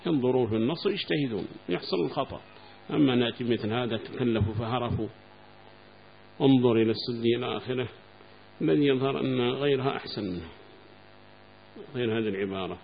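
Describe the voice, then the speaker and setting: A man teaching a lesson on a classical legal text, explaining patiently, repeating key terms and quizzing his students. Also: mid-range voice. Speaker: teacher of Quranic law. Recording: gravelly lo-fi recording with faint hum.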